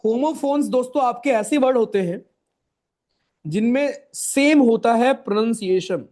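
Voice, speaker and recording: High-voiced Hindi-accented man teaching a class. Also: normal speed, darkish tone. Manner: chatty, addresses students as brothers and friends; repeats key points, asks "right?" often. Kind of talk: online class lecture.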